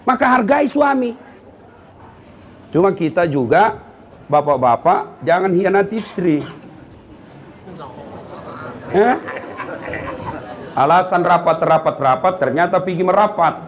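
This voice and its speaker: A man's voice: sits high, slow pace, long pauses, slight background noise. A middle-aged man, giving a comedic sermon and teasing the congregation by calling out to them. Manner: animated, teasing, calls out to the audience. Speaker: preacher.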